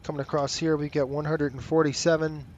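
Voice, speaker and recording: A man's voice: fairly high pitch, little pitch movement, fairly quick, a little mellow, highs cut off. A man talking like a pilot on a cockpit headset, mixing clipped procedural callouts and radio calls with casual, offhand muttering. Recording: noisy, with background cockpit ambience.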